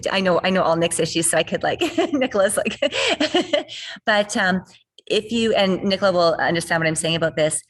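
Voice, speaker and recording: A middle-aged woman with a low voice talks through injury rehab on a video call. She is earnest and circles back to repeat her main points. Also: a bit bright. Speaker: fitness trainer. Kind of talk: explanatory interview talk.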